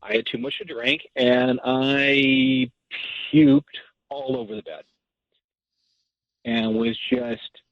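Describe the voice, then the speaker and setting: A hesitant man stammers and laughs nervously on a phone call. His voice is gravelly and husky and swings up and down a lot. The line sounds dull and lo-fi. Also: medium pitch, huge pitch swings, a little slow, long pauses, dry recording. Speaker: caller on a radio prank segment. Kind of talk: phone conversation.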